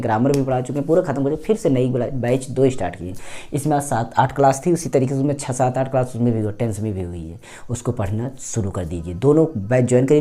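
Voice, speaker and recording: A man's voice: medium pitch, dark tone. A man teaching English pronunciation in a chatty lesson, repeating words as drills. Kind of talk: casual classroom lesson.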